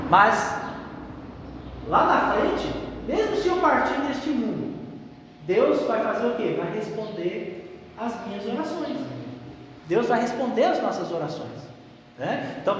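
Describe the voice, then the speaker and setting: A man's voice: very high voice, a little hiss or hum. A man preaching a sermon in a conversational way, often tagging his sentences with a questioning "né". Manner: conversational preaching with frequent "né" tags. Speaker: pastor. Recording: echoey hall.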